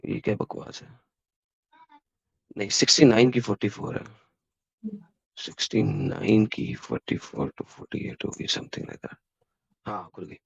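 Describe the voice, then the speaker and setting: A man's voice: on the low side, vocal fry, husky, no room sound. Insistent Indian man in a call debate. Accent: Indian Hindi. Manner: insistent, rapid-fire, quotes verses and references. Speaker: debate host. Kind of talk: heated online debate. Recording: dull, dry call audio.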